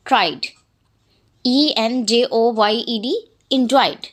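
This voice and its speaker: A woman teaches a young pupils' lesson, reading sentences slowly and spelling words out letter by letter. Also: on the high side. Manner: reads English slowly, then explains quickly in Urdu. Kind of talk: exercise walkthrough for young pupils.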